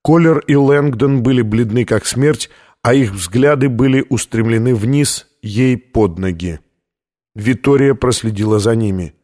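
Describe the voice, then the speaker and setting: In an even, measured reading style, a man with a medium-pitched voice delivers scripted audiobook narration.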